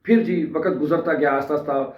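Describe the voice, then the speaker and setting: A man from Pakistan, earnestly telling his own story to viewers in a casual vlog and checking in with them often. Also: on the high side. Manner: earnest, addresses viewers directly, keeps adding "okay" checks. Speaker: language vlogger. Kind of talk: casual personal storytelling to camera. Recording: roomy, distant, dull mic sound.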